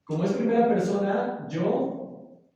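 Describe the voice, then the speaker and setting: A man's voice: high voice, measured pace, mellow, highs cut off. A man teaching a grammar class, explaining step by step and often checking in with his students. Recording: very echoey room, voice from far off.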